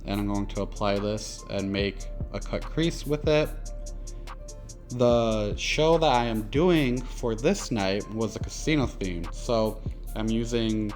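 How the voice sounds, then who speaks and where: A man's voice: on the low side, takes it slowly, a little mellow, faint music behind. A man with a lisp and slushy s sounds, giving a casual, conversational step-by-step makeup tutorial as a drag performer.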